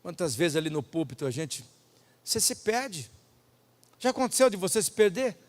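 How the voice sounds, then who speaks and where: A male Brazilian pastor preaching with emphasis, switching between loud declarations and hushed asides. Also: high-pitched, very animated, moderate pace. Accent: Brazilian Portuguese. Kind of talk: sermon. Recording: long reverb of a large hall.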